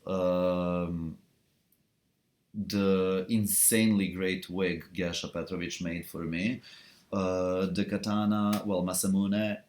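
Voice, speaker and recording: A young man, chatting casually on a live stream and answering viewer questions, rambling with lots of fillers, restarts and laughs. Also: sits low. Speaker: cosplayer hosting a live stream Q&A.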